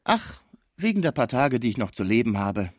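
A man reading aloud, voicing a gentle, grieving old German man. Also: mid-range voice, very animated, moderate pace, dry recording, clean studio sound. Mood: resigned.

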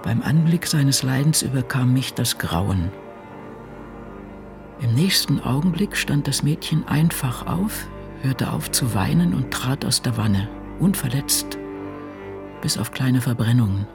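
In a literary radio drama, a male actor voices the brooding diary thoughts of an aging crime novelist, sounding gravelly, husky and haunted. His medium-pitched delivery is animated yet measured, set over music.

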